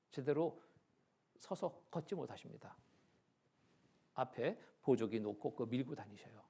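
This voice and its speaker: A male pastor telling a story in a church sermon, animated, acting out the dialogue and swinging from loud to hushed. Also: mid-range voice, gravelly, breathy edge. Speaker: pastor, Bible lecture speaker. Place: church sanctuary.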